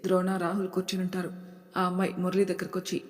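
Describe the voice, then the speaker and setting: A woman narrating a Telugu audio story in a steady, plain reading voice. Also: on the low side, quick pace. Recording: long hall reverb.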